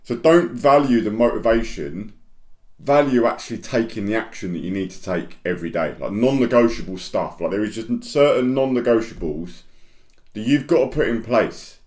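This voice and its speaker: A man's voice: lowish voice, normal speed, a little mellow, reverberant. A man coaching construction business owners in a blunt, straight-talking monologue, swearing often and hammering points through repetition.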